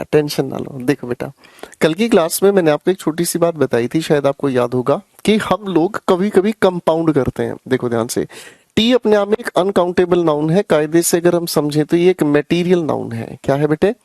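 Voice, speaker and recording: A man's voice: fairly high pitch, animated, normal speed, a little mellow, no echo, clean studio sound. A man teaching English grammar in a live online class, chatty and teasing, calling his students son and brother. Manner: chatty, teasing, addresses students as beta and bhai.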